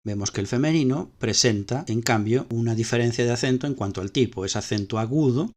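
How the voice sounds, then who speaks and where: A man's voice: mid-range voice, a little fast, darkish tone. A man with a Spanish accent teaching ancient Greek grammar step by step, repeating key points as he explains slides.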